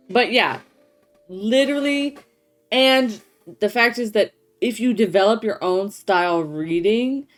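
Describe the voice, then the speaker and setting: A woman co-hosting a casual chat show, explaining things informally as she thinks aloud. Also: on the low side. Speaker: podcast co-host.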